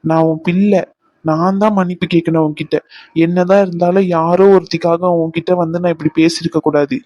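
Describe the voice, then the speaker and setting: A man's voice: a little high, flat delivery, brisk, darkish tone, dry recording, muffled recording. Brief: man, earnest family-drama cartoon voice, dry booth sound. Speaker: voice actor for male family members.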